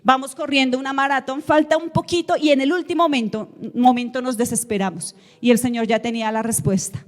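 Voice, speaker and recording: A woman's voice: sits high, fairly even intonation, fairly quick, long reverb tail. A woman preaching a sermon to her congregation, emphatic and full of rhetorical questions. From Colombia. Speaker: guest preacher. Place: church sanctuary.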